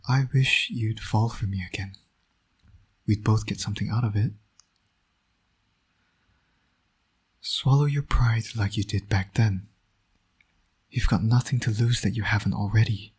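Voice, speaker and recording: Voicing a roguish supervillain who's also a devoted father, a man uses a very husky, breathy, slightly low voice with a darkish tone. At a moderate pace with frequent pauses, he coaxes flirtatiously in a wry, teasing manner, like an intimate scripted audio drama.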